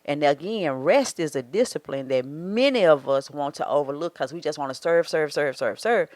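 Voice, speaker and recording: A woman's voice: deep voice, normal speed, a little mellow, no echo. Southern woman, 40s, marriage coach, earnest and advising, dry close mic. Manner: earnest, advising, acts out quoted thoughts. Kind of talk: casual faith-based podcast talk.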